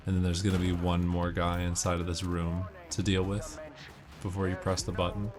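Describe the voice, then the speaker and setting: Over music, this gamer's deep, monotone voice moves at normal speed as he calmly explains tactics while playing. He offers casual walkthrough tips. Video game gunfire and ambience fill the noisy background.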